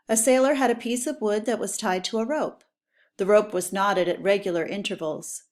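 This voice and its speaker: A female teacher reads educational material aloud to pupils in a medium-pitched voice, her phrasing clear, deliberate and instructional.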